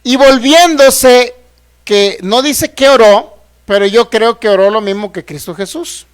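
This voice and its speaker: Man, pastor, sermon, very high voice, rhetorical questions. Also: normal speed, clean tone. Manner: preaches with rhetorical questions to the congregation; acts out quoted voices and prayers. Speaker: pastor teaching a healing course.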